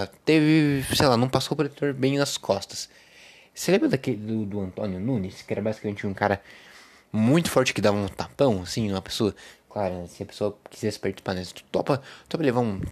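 A young Brazilian man hosting a casual talk show, rambling between topics and jumping into mock narrator voices. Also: medium pitch. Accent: Brazilian Portuguese. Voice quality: animated, jumps into loud mock narrating voices. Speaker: host of a casual talk program. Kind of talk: rambling casual chat with impressions.

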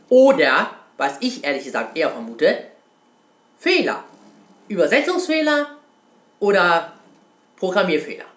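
A man hosting a casual gaming video, talking in a loose, rambling way and dropping casual swears. His voice sits fairly high and swings up and down a lot. The room around him gives back a clear echo. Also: a bit bright. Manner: rambling, keeps calling viewers "Kunstfreunde", swears casually. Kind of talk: casual video reply on a video game.

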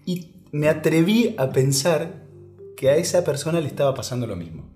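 A man in his thirties with an Argentine accent, a voice actor talking in a relaxed interview, reflective and often restarting his sentences. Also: fairly high pitch. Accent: Argentine Spanish. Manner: reflective, halting with many restarts. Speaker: voice actor guest. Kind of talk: casual interview chat. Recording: echoey room with faint music.

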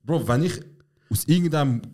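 A man co-hosting a podcast, joking around in lively casual banter. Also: a little high. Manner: fast, lively, goofy banter. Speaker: podcast co-host. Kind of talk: casual chat.

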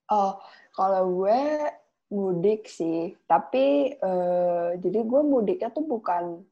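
A young woman chats casually in Jakarta slang, with English words mixed in. Her accent is Jakarta Indonesian and her pitch is mid-range. The recording sounds slightly dull and lo-fi. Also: animated, slow pace. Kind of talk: casual chat.

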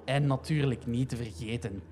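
A man voicing a pompous male hipster cult leader who speaks slowly and grandly, with cackling laughs. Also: mid-range voice, fairly even intonation, darkish tone, close to an everyday voice. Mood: mocking grandeur. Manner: slow, drawn-out, grandiose speech with cackling laughs.

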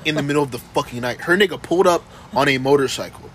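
A young man hosting a podcast, talking loud and profane in crude casual banter, often mocking others in high put-on voices. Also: fast, a crowd in the background. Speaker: podcast host.

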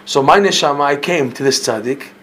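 A man teaching a religious class in storytelling style, swinging between loud emphatic bursts and low quiet asides, peppering his talk with Hebrew and Yiddish terms and correcting himself mid-sentence. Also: a little fast, noisy background.

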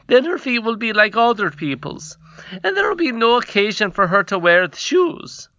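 A man's voice: extremely high pitch, sing-song, moderate pace, pushed and bright, no echo, lo-fi sound, voice pushed up, heavily acted. A man voicing a cruel, spoiled young goblin prince in a storybook reading, petulant and gloating.

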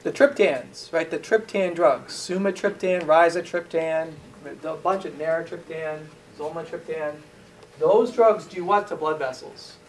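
Speaking at a measured pace in a slightly high voice, a man teaches pharmacology, posing questions to students and answering them himself. The mic sits far off in an echoey lecture room, and there's a faint hiss.

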